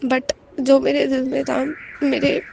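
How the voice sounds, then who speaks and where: A woman closing a devotional testimony with chanting and thanks, speaking softly, humbly and apologetically. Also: sits high, monotone, takes it slowly, vocal fry, crowd noise.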